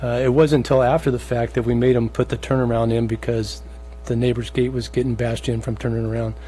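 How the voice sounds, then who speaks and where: A man speaking as a commissioner at a public meeting, plain-spoken and informal as he deliberates. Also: medium pitch, level tone, warm tone, slight background noise, low-quality recording. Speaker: planning commissioner.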